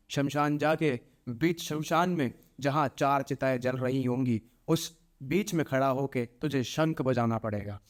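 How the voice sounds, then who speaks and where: A man voicing a menacing female demon spirit who bargains greedily, speaking slowly and low. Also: natural voice. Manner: slow, low, threatening delivery.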